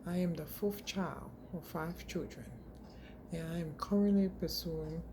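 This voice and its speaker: A low-pitched woman in her forties from Liberia reads a class presentation slowly off her slides, stumbling and restarting now and then. A steady hum of noise runs behind her voice. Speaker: graduate student.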